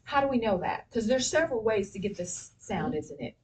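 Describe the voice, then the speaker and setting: A woman's voice: mid-range voice, animated, a little fast, a little mellow. A woman teacher leading a classroom spelling lesson, prompting with questions and saying "okay" and "all right" often. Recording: distant classroom recording with faint noise.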